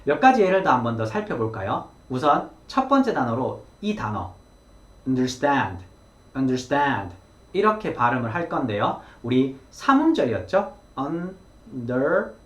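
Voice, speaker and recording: A man's voice: medium pitch, huge pitch swings, brisk, few pauses, a bit bright. A man teaching English pronunciation in a lesson, explaining step by step in an encouraging way and modeling words aloud. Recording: echoey room.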